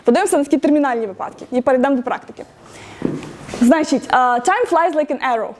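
A high-pitched woman talks quickly as she runs a lively tech meetup lecture. She quizzes the audience, praises their answers and laughs easily between points. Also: slight background noise. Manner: laughs often, lively and encouraging.

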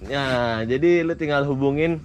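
A man's voice: on the high side, steady tone, moderate pace, dull audio. A man, vlogging casually on a muddy trail and joking with his riding friends. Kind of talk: casual vlog chat. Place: muddy dirt trail outdoors. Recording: loud outdoor and engine noise.

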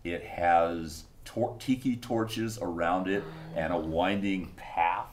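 A man's voice: deep voice, slow pace, a little hiss or hum. A man narrating as game master of a tabletop game, describing scenes playfully.

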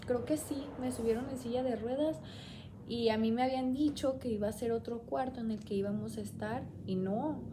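A woman's voice: on the high side, warm tone, slight background noise. A young woman, chatting and rambling as she tells a personal story on her vlog. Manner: chatty, rambling, quoting herself often. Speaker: vlogger.

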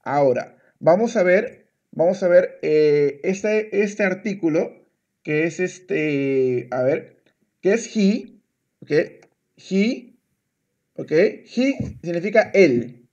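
A man's voice: sits high, muffled recording. A man teaching Spanish one-on-one. He talks patiently, repeats words, and switches to English to explain. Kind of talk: one-on-one language lesson.

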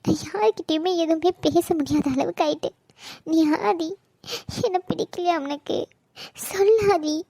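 A woman's voice: very high-pitched, measured pace, vocal fry, warm tone, no echo, exaggerated voice. A woman voicing a sulky, fierce young wife in a cartoon drama, reproachful and close to tears. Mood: tearful, reproachful. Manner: teasing then tearful, reproachful.

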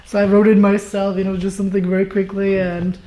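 A man's voice: high-pitched, monotone, fast, warm tone. Hesitant young man. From Slovakia and Czech Republic. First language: Czech and Slovak. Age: 20s. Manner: hesitant, restarts mid-sentence, trails off. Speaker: guest filmmaker. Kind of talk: casual interview chat.

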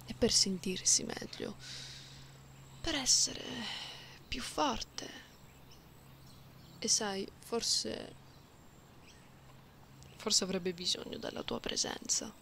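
This ASMR roleplay has a woman voicing a gentle, playful genetically modified cat-girl consoling someone lonely. Her medium-pitched voice is gravelly, and the mood here is soft and concerned, though her manner stays slow, soothing, intimate and teasing, with whispers, meows and purry hums. Recorded up close on a binaural mic, with faint background noise.

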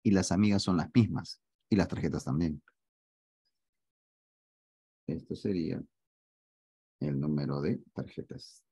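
A man teaching math in an online class, joking with his students and asking often whether it is clear. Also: sits low, measured pace, long pauses, dark tone, dry recording, dull audio. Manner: joking, teasing, asks students to confirm often.

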